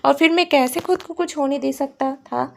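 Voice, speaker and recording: A gentle young man from a romantic storybook, soft and reassuring with the woman he loves, as a woman reads his lines. The voice sits high and light. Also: normal speed, vocal fry, slight background noise. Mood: tender.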